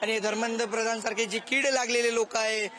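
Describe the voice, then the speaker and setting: A man from the Nagpur region, a protester speaking emphatically and haltingly in a street interview. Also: very high voice, level tone, sharp tone. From Nagpur region, India.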